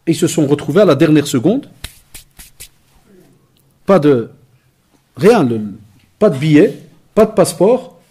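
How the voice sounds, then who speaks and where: Husky-voiced man giving a lively lecture. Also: fairly high pitch, a little slow, pauses often. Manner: lively storytelling, acts out dialogues, mixes in Arabic phrases. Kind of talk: conference talk to young people.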